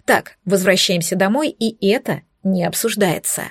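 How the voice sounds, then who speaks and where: A woman's voice: medium pitch, normal speed, no echo, clean studio sound, close to an everyday voice. A woman doing a mocking, bossy brother. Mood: teasing. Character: teasing, snorting young adult brother.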